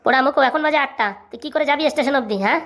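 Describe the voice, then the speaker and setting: A woman voicing a scolding young village wife in a comic cartoon, sharp and rapid-fire. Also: high-pitched.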